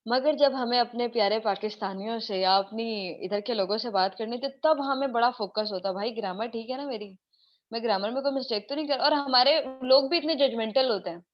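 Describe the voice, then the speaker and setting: A woman's voice: a little high, a little fast, muffled recording. Chatty Pakistani woman teaching a class. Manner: chatty, asks the class questions. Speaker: English teacher. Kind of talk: informal online class lecture.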